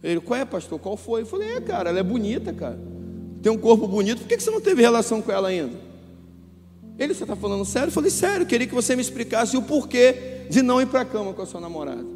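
A man's voice: extremely high pitch, big pitch swings, quick pace, slight background noise. A man pastor preaching a sermon, passionately retelling conversations and acting out the voices in them. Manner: impassioned, storytelling, acting out dialogue. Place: church hall. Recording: church hall reverb with soft instrumental music.

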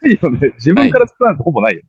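Husky-voiced man with very lively pitch. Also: very fast, dry recording, dull audio. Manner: playful, bantering. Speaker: podcast co-host. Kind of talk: casual banter.

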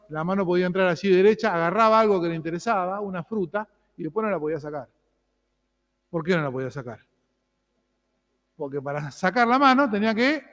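Rioplatense man preaching, high voice. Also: long reverb tail. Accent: Rioplatense Spanish. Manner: conversational, asks the congregation "¿no?". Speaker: pastor. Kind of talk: sermon.

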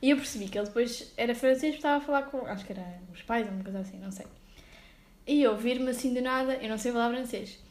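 A young woman with a European Portuguese accent, co-hosting a podcast with a playful, chatty manner. Her voice sits a little high and carries a noticeable room echo. She tends to think out loud as she talks. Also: rapid-fire. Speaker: podcast co-host. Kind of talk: casual chat.

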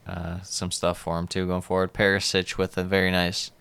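Low, smooth-voiced man chatting soccer. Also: monotone, moderate pace, fairly bright tone, dry recording. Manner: conversational, asks co-host for opinions. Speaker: sports podcast host. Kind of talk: casual soccer match chat.

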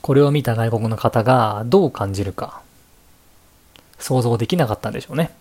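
Husky-voiced Japanese podcast host. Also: male voice, medium pitch, a little mellow. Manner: unhurried, chatty, switching between English and Japanese. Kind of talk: casual solo podcast talk.

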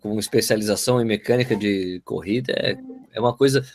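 A man's voice: lowish voice, a little fast. A man with an ordinary mid-range voice hosts a casual chat. He talks in a chatty, teasing and laid-back way. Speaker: podcast host.

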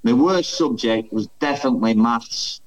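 A man's voice: medium pitch, moderate pace, rough recording. A man, a former footballer, chatting casually as a podcast guest, thinking aloud and laughing easily. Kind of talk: casual chat.

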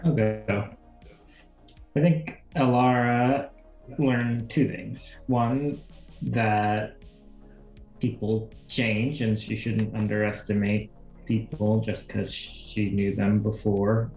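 Male RPG player, very unhurried, mid pitch, roomy echo. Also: steady tone, darkish tone. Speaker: tabletop game player. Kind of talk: casual reflection on a game character. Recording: echoey room, faint music.

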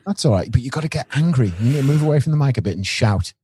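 A man's voice: mid-range voice, expressive, racing, warm tone, breathy edge, dry recording, clean studio sound. A man co-hosting a podcast, chatting casually and a bit ramblingly about a film. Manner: chatty, rambling, with small restarts. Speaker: podcast co-host reviewing a film.

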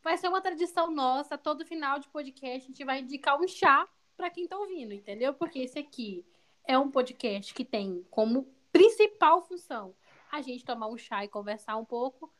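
A Brazilian woman co-hosting a casual podcast with a friend, bubbly, excitable and chatty, often adding little tag questions. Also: high voice, moderate pace. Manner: frequent tag questions seeking agreement. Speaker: podcast co-host.

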